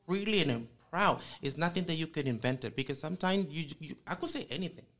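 A man from El Salvador with a Salvadoran accent, a native Spanish speaker, talking earnestly with halting restarts as a podcast guest. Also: a little high, lively intonation, a bit bright. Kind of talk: casual podcast conversation.

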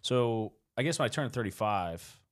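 A podcast co-host in his mid-thirties rambles through casual chat, laughing often and swearing loosely. His mid-range voice is animated and moves at a moderate pace.

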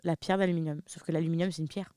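A woman's voice: deep voice, fairly even intonation, racing, clean tone, no echo, clean studio sound. A young woman, co-hosting a jokey casual chat. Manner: jokey, bursts into loud laughing exclaims. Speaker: co-host.

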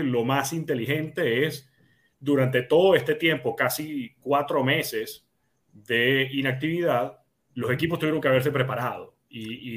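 A man's voice: medium pitch, fairly bright tone. Man explaining things in sports commentary. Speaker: sports show panelist.

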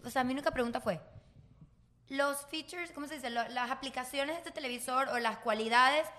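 A woman with a high, bright voice tells stories on a casual podcast. She talks in an animated way and acts out the people she describes. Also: fairly quick. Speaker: podcast co-host. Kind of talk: casual chat, storytelling.

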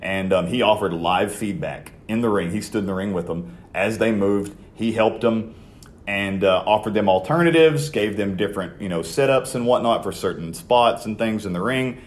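Young male podcast host, slightly low voice, casual and chatty with lots of fillers. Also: normal speed. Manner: conversational, lots of fillers and restarts.

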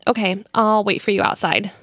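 A woman's voice: medium pitch, moderate pace, fairly bright tone, dry recording, clean studio sound, lightly acted. A woman voicing a salty young female restaurant server in a casual podcast audio drama, blunt and swearing.

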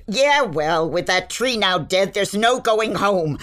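A woman plays an eccentric older witch, a grandmother in a magical realm, in a fantasy audio drama, muttering theatrically and sounding exasperated, with a grave, explanatory mood. Her voice is medium-pitched and expressive, fairly bright, and she takes her time.

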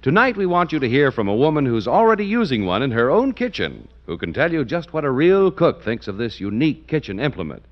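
On a dull old radio recording, a very animated man announces a radio show and then reads a commercial in a brisk salesman's pitch.

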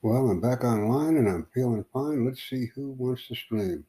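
An American livestream host chats casually with strangers, rambling and halting, with fillers everywhere. His voice is medium in pitch, warm, with lively intonation.

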